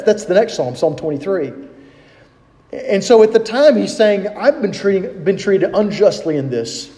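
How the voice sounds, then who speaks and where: Guy preaching a sermon, kinda high mellow voice, chatty, asks the crowd questions, long hall echo. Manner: conversational preaching with rhetorical questions and reading scripture aloud. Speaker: pastor.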